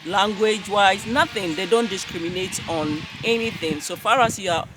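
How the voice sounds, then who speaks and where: Interview host, enthusiastic, talks to viewers, mid pitch, faint noise. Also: normal speed. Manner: enthusiastic, says "wow" often, addresses viewers. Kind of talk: casual interview.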